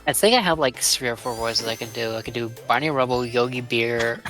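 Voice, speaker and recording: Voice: mid-range voice, fairly quick, over music. A guest chatting on a game stream, curious and playful, asking questions. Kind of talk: casual chat over a game stream.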